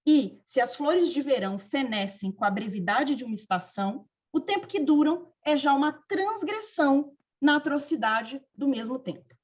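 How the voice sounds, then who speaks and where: Woman with a high voice, measured academic reader presenting a paper on a video call. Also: lively intonation. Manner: measured, reflective delivery with literary quotations. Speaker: presenter at a psychoanalysis seminar. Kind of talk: reading an academic paper aloud.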